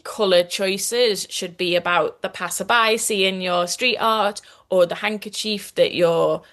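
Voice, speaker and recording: A woman's voice: mid-range voice, fairly even intonation, unhurried, fairly bright tone. A woman with a Scouse accent, a guest in a podcast interview, explaining at length in an earnest way with frequent restarts. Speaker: guest, activist and author.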